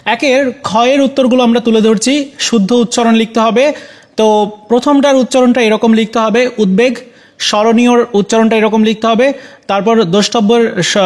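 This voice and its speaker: A man teaching, going through exam answers one by one, talking straight to his students, often pausing on fillers. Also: high-pitched, steady tone. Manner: hesitant, many fillers; addresses students directly.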